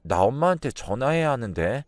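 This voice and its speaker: A man's voice: medium pitch, very animated, brisk, no echo, studio quality, lightly acted. A man voicing a little girl in a storybook tale, talking in a childish, plaintive way. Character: little girl, whiny and confused.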